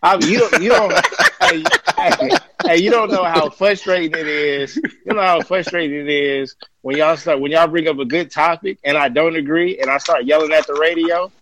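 Profane, grudge-holding podcast guest. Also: male voice, on the high side, moderate pace, fairly bright tone, rough recording. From Los Angeles. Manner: profane, emphatic grudges, repeats himself. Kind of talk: casual sports chat.

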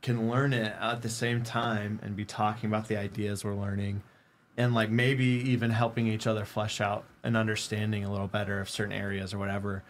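A man with a somewhat low voice chats casually as a co-host. His speech is informal, and there is faint ambient noise behind him. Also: flat delivery, fairly quick. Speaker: co-host and fellow IT learner. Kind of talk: casual chat. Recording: clear background noise.

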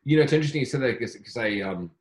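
Rambling, animated male day trader. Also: medium pitch, racing. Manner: animated, rambling, many restarts. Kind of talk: casual conversation.

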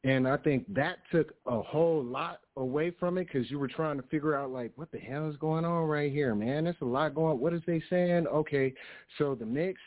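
A man's voice: a little high, normal speed. An American man giving casual, emphatic music critique and advice, repeating his points. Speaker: panelist on a music review radio show. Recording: tinny, narrow phone-line sound.

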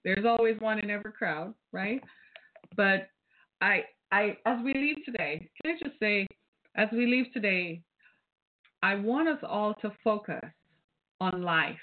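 Animated yet a little slow, with frequent pauses, the host speaks in a mid-range voice. She's a British Caribbean woman with a Caribbean accent giving preachy, rhetorical solo podcast commentary, often adding "right?", recorded with a phone-like, narrow-band sound.

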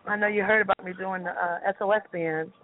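A woman's voice: mid-range voice, steady tone, quick pace. A woman calling in over the phone from a train, chatty and effusive. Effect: over the phone, speakerphone. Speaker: call-in guest, singer. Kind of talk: casual chat. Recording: tinny phone line with faint noise.

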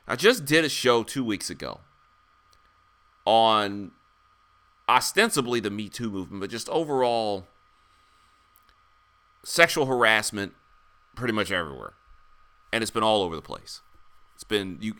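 A man's voice: on the low side, sharp tone. A man hosting a podcast in a showy announcer delivery mixed with casual slang, doing monologue and plugs. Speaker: podcast host. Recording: music bed under the voice. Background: music.

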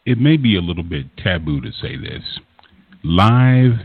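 A man's voice: low-pitched, very animated, a little slow, husky, dry recording. A man hosting an interview who asks long, earnest, winding questions. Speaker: interview host. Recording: dry tinny phone line.

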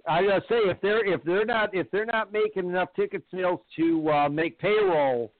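A man's voice: high voice, moderate pace, no room sound. Man on a choppy, dropping phone call. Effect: phone call dropping out, choppy audio. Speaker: podcast co-host. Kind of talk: casual call-in show chat. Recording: phone line, dry.

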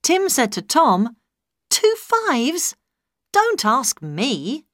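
A woman's voice: high-pitched, wildly swooping pitch, drawn-out words, fairly bright tone, dry recording, clean studio sound. A woman reading a short practice rhyme aloud for English learners in a sing-song, exaggerated way. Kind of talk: slow read-aloud of a tongue-twister rhyme.

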